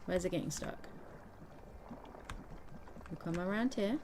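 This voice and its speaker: Playful low-voiced woman streaming a game. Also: a little slow, noisy background. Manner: playful, chatty, makes silly beep-boop noises. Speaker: gaming streamer. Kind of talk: casual live gameplay chat.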